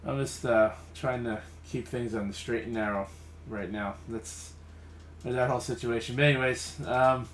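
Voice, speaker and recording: A man's voice: medium pitch, steady tone, normal speed, roomy sound. A man hosting a late-night podcast, talking easygoing with lots of fillers and laughs. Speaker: podcast host. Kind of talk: casual late-night chat. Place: home room.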